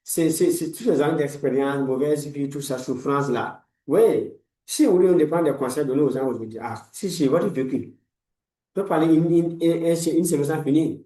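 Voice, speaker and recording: A man's voice: on the high side, moderate pace, dark tone, roomy sound, distant mic, poor audio. A man in his forties, a life coach giving a motivational talk in a preachy, repetitive way, full of blessings. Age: 40s. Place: room lined with books, indoors.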